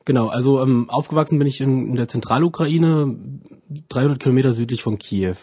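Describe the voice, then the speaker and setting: A student in his twenties, born in Ukraine and living in Germany from around age seven, gives informal personal interview answers, hesitant and searching for words as he keeps correcting himself. His medium-pitched voice is brisk, mellow and slightly rough, recorded dry in studio quality.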